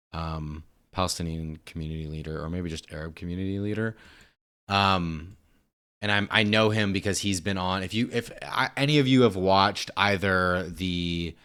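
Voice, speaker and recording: A man's voice: low voice, smooth. A man hosting casual political reaction commentary, talking animatedly and sometimes mimicking the other side. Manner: animated, mocks opponents in put-on voices.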